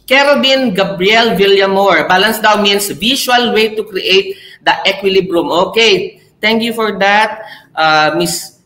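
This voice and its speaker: A senior high school teacher talks through an online class lecture in a chatty way, checking in with the learners often. The voice is bright and sharp, at a middle pitch. The sound rings around an echoey room. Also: takes it slowly.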